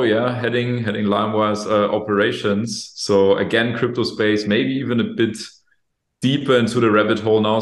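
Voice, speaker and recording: A German company executive in his late twenties or early thirties is interviewed as a guest over a video call, answering easygoing and often repeating words while he thinks. He has a German accent and a voice on the low side. His webcam picks up a roomy echo from an office room with a plain wall.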